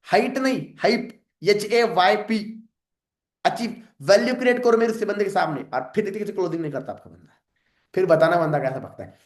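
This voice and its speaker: A man with a high voice coaches his sales team in a direct, lecturing way. He often acts out sample phone calls to show how it is done. The room around him is echoey. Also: animated, fast talker. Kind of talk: informal coaching talk to a team.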